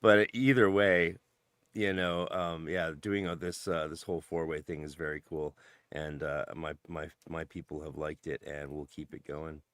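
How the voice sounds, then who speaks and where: A man chats on a podcast roundtable in a halting way, full of fillers, with a gently humorous tone. His voice is very low. The recording is dry and close. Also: steady tone, no room sound. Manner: hesitant, many fillers and restarts, gently humorous. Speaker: podcast co-host. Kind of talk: casual roundtable chat.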